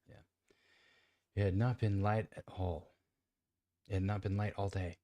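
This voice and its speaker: A man with a very low, deep voice reads a classic novel aloud in a dry, close sound. He trips over words now and then, restarts lines and talks to himself about how he read them. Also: vocal fry, darkish tone, no echo. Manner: stumbles, restarts lines and comments on his own reading. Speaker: amateur reader.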